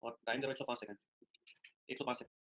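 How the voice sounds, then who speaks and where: A man teaches a live online reasoning class at a quick clip. He jokes and chats with his students by name as he runs polls. The audio is a bit dull and lo-fi. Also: medium pitch, fairly even intonation, a bit bright. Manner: chatty, joking, addresses students by name.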